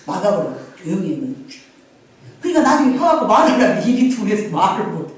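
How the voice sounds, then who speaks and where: A middle-aged woman pastor with a mid-range voice and quick pace tells a Bible story in a lively, conversational sermon, animated and repetitive, often addressing the congregation directly in asides. She's in a church sanctuary, recorded from far off with heavy echo.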